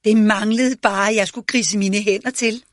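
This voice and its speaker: A man's voice: high-pitched, fairly even intonation, a bit bright, dry recording, studio quality, pitched above the performer's own voice. A lazy young girl answers with scorn in a raised voice, as a male narrator puts her on. She sounds dismissive and disdainful. It comes from a read-aloud storybook. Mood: scornful.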